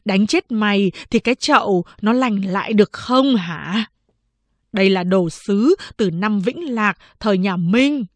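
A woman's voice: mid-range voice, expressive, unhurried, no echo. A woman voicing a stern old grandmother in a storybook reading, scolding in a grumbling way.

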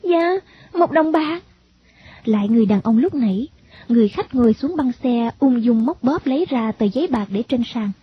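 A woman narrating a story in an even, expressive reading. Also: on the high side, a little fast, slight background noise. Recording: dull lo-fi recording.

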